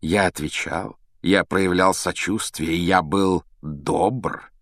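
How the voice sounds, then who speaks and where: A man voicing a sinister teenage wizard who speaks in a smooth, unhurried, coolly mocking way. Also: low-pitched, fairly even intonation, a bit bright, no room sound, full character voice. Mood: coldly mocking. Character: sinister teenage boy wizard, calm and cruel. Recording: dry close audiobook sound.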